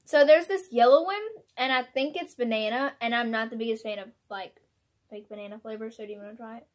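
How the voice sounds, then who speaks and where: A woman's voice: a little high, fast. A young woman taste-testing candy in a casual vlog, bubbly, exclaiming and laughing often. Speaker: vlogger.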